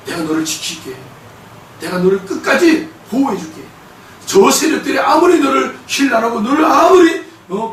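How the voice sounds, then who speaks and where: A man's voice: very high voice, slight background noise. A male preacher voicing God as a protective king who rebukes those who mock his people, delivered as a sermon in a reverberant church. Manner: declaiming with fierce shouted rebukes. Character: God as a protective king scolding the world's mockers. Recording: echoey hall from a distant mic.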